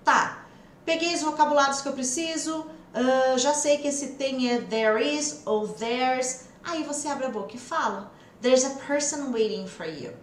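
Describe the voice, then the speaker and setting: A woman with a Brazilian Portuguese accent teaching an English lesson, lively and emphatic, slowing down to stress key words. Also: sits high, a little hiss or hum. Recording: echoey room.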